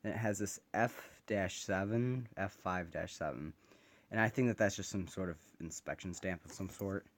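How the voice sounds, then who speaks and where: Guy with a lowish voice, chatty unscripted review filmed on his phone. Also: moderate pace. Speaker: gas mask reviewer. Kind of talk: casual unscripted product review. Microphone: handheld phone camera.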